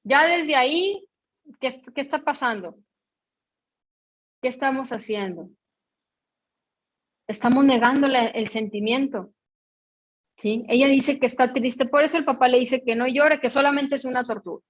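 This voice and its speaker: Her voice is high-pitched, her speed normal, and she leaves long pauses. With a Mexican Spanish accent, she guides an online emotional education workshop, patiently explaining, frequently checking on her audience, and reading picture dialogues in a storyteller's manner.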